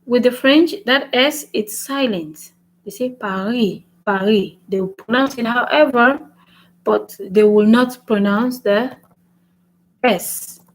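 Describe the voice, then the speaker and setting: Speaking slowly in a fairly high voice, a woman whose first language is English runs a casual French video class, with rough recording quality. She's talkative and repetitive, frequently tossing in "right?" while she writes on a board.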